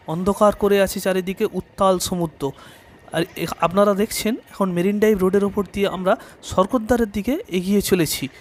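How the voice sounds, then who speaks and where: A man giving a formal, reporter-like vlog update to viewers. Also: high voice. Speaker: travel vlogger hosting a live weather update. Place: outdoors by a seaside road. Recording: outdoor noise, traffic and ambience.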